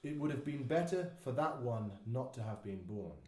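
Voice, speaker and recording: Jesus, as a man reads him, grave and mellow. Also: mid-range voice, animated, moderate pace, natural voice. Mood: solemn. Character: Jesus, solemn grown male teacher. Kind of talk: dramatised Bible reading. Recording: echoey room.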